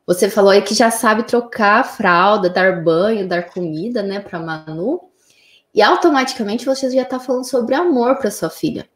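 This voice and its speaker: A woman, a mother, calmly explaining her views on raising children in casual conversation. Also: mid-range voice, normal speed, echoey room. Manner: calm, explanatory, frequent "né?".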